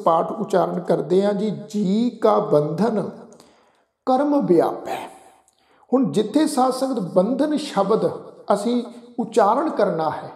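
A man's voice: sits high, creaky, warm tone, echoey room, big-room sound. A man with a Punjabi accent teaching how to pronounce scripture, addressing the congregation often and spelling words out letter by letter. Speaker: Gurbani pronunciation teacher. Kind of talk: religious lesson, slow careful recitation.

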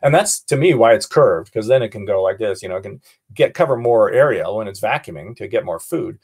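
Male naturalist teacher with an American accent, playful and animated, lively in pitch. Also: fairly quick, breathy edge. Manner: playful, animated, asks the class questions. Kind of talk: online class lesson.

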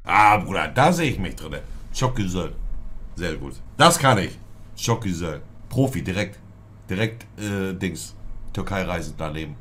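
Young dude on stream, slangy, mumbly, low pitched but jumpy, bit of hum in the room. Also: male voice, lively intonation, a little slow, fairly bright tone. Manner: slangy, repeats words, mutters low. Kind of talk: casual stream chat.

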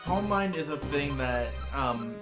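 A man co-hosts a gameplay video in a roomy space with loud game music behind him. He talks casually, explaining details and joking as he goes. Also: on the high side, expressive, a little slow. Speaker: let's play co-host.

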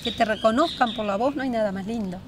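A woman's voice: a little high, fast talker, background noise. A woman co-hosting a storytelling show, talking in an emphatic way and often finishing her partner's sentences. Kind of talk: casual studio chat.

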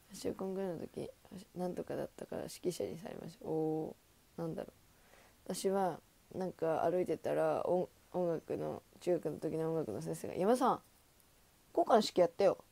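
A young woman in her twenties hosting a casual livestream, chatting with viewers, laughing often and breaking into loud excited bursts. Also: low-pitched, normal speed, creaky, long pauses. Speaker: idol livestream host. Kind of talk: casual livestream chat reading comments.

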